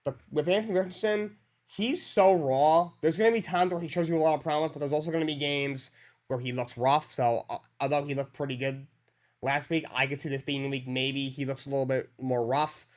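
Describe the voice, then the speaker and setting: Male co-host, a bit high-pitched, loose chatty picks. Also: steady tone, fairly quick. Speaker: podcast co-host reading matchups. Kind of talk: casual sports chat.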